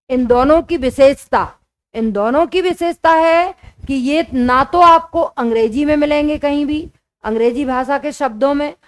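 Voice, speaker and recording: A young adult woman teaching a grammar lesson for exam preparation, explaining slowly and repeating her key points. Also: sits high.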